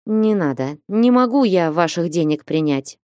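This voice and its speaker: A meek young man speaks timidly with heavy sighs, voiced by a woman reader. Her voice is low-set and mellow. The read is dry and close, audiobook style. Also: expressive, moderate pace, clear, resonant tone, no echo, lightly acted. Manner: timid, sighing. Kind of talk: audiobook reading.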